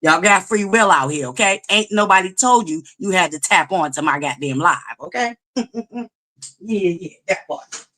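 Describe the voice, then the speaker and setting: Loud, boisterous woman on a live stream. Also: mid-range voice, animated, normal speed. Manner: sassy, bursts into shouts and laughs. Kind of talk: casual live-stream commentary.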